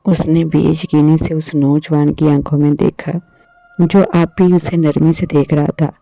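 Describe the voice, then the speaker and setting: A man reading a scripted horror story in an even, measured narration. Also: fairly high pitch, vocal fry, no room sound, low-quality recording.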